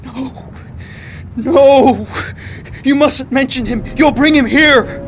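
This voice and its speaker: A man's voice: very high voice, slow, a little hiss or hum. An actor playing a fearful religious zealot man who preaches about doom and breaks into frantic screams. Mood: panicked. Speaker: suspect in a game cutscene.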